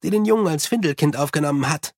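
The reader voicing a senior monk who explains things in a brisk, matter-of-fact way in an audiobook. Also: mid-range voice, no echo, clean studio sound, lightly acted. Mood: explaining.

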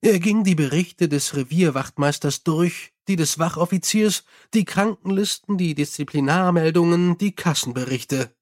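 A man reading a novel aloud as an audiobook narrator, with expressive, lively storytelling. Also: a little high, moderate pace. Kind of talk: scripted narration.

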